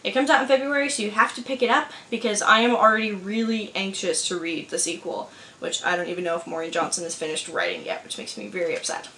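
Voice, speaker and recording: A young book vlogger chats enthusiastically to the camera about books she got, laughing easily as she talks casually in a home room with candles while her sister films her. Her mid-range voice is steady in tone, fast, pushed, and bright. The low-quality recording has room echo and slight background noise.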